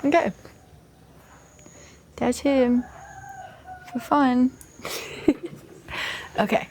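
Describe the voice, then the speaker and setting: Young woman with a gravelly, mellow voice. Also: sits high, extremely slow, slight background noise. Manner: relaxed, rambling, thinking aloud with many fillers. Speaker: vlogger. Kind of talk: casual chat while drawing. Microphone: close microphone.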